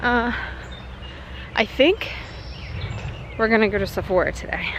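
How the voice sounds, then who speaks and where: A woman's voice: a little high, a little slow. A woman vlogging outdoors in a casual chat to her camera, rambling and correcting herself as she goes. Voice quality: rambling, chatty, self-correcting. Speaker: beauty vlogger. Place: outdoors, walking and at a backyard swing. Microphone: camera mic, handheld then on a tripod. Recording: outdoor noise behind the voice.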